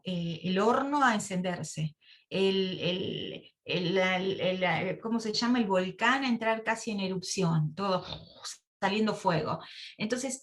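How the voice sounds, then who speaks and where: A woman preaching to a women's church group over a video call. She speaks at a middle pitch and keeps her listeners involved with anecdotes and rhetorical questions. She talks like a teacher in an intimate sermon. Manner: animated storytelling, rhetorical questions. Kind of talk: sermon-style Bible study teaching.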